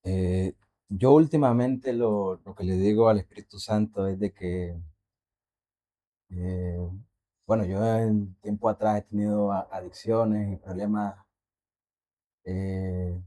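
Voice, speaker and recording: Mellow low-voiced man, halting testimony. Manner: halting, reflective, asks listeners questions. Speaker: podcast co-host. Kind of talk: personal faith testimony.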